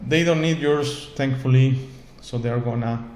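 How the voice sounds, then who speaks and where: A non-native English speaker hosts his own show, giving an earnest, rambling spiritual monologue to camera full of repeated words and checks like "okay?". His mid-range voice is a little slow and slightly mellow, recorded in an echoey room with faint ambient noise.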